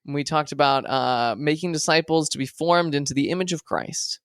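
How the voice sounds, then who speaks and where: A man's voice: on the high side, a little fast, fairly bright tone, smooth, no echo, clean studio sound. Young man, casual podcast co-host. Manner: playful, hypes things up in a mock announcer voice. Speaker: podcast co-host, seminary student.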